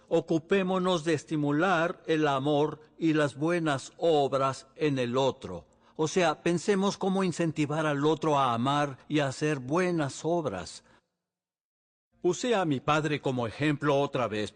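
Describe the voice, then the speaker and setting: A man's voice: fairly high pitch, in a large hall. A male pastor preaching earnestly, often asking the congregation rhetorical questions. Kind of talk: sermon. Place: church sanctuary.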